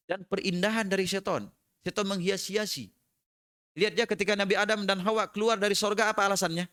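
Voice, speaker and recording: A man preaching a sermon in a prayer room, moving from slow chanted recitation to lively joking explanation. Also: sits high.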